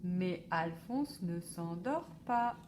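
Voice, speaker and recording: A woman reading a children's picture book aloud for a library, slow and expressive. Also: lowish voice, a little hiss or hum. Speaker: library storyteller.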